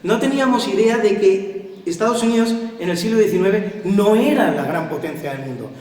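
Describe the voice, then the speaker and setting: A man's voice: high voice, expressive, moderate pace, darkish tone. A middle-aged Spanish man giving a public lecture, putting rhetorical questions to his audience. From Spain. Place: cultural center hall. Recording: echoey hall, voice from far off.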